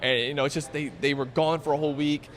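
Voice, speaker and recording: A man's voice: a little high, little pitch movement, fast, a bit bright. A man who works in communications for a soccer club, chatting casually as a guest and rambling with many restarts. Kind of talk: casual sports chat.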